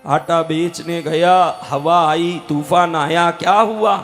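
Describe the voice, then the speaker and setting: A man's voice: a little high, slow pace, soft background music. A man telling a devotional story in a live sermon, calling out questions to the women in the audience. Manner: animated, calls out questions to the audience. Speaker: religious storyteller.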